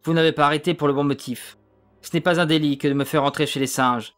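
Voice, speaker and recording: A man's voice: a little high, steady tone, fast, fairly bright tone, clean tone, faint music behind, close to an everyday voice. A man voicing an urgent police commissioner. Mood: stern. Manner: urgent, clipped orders. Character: tense male police commissioner, urgent and grave.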